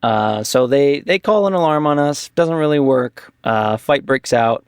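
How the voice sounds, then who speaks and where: A man's voice: medium pitch, expressive, measured pace, clean tone, no room sound, clean studio sound. A man casually recapping a tabletop game session as game master, with lots of fillers and restarts. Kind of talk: casual podcast chat.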